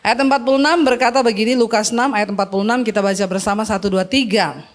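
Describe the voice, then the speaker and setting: A woman's voice: fairly high pitch, steady tone, quick pace. A woman pastor preaching a sermon to her congregation, exhorting them in call-and-response and mixing casual asides with formal prayer.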